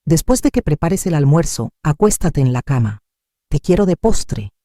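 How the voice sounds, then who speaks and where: A woman's voice: sits low, sing-song, moderate pace, warm tone, no room sound, clean studio sound. A woman reading aloud the lines of a pushy, leering male employer in a storybook tale, in an insinuating manner. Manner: smug, insinuating, then cold and threatening.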